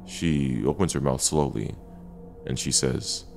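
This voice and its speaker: Casting: male horror storyteller, extremely low gravelly voice, dramatic and deliberate, over faint music. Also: darkish tone. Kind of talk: first-person scary story narration.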